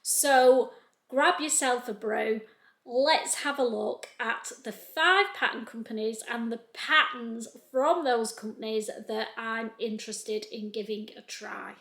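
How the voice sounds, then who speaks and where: A woman in her fifties from England, with a North Lancashire accent, chats casually to her webcam from her home sewing room as a sewing vlogger. Her voice is on the high side, gravelly and fairly bright. She's chatty, unhurried and homely, mixing talk to camera with a screen walkthrough.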